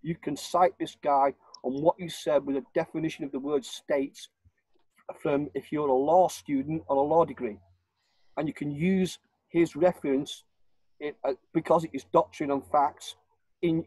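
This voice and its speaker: Husky northern English man, insistent. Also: on the high side, moderate pace, dark tone, no echo, poor audio. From North West England. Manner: emphatic, insistent, explains in repeated short clauses. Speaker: interview guest. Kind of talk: conversational interview.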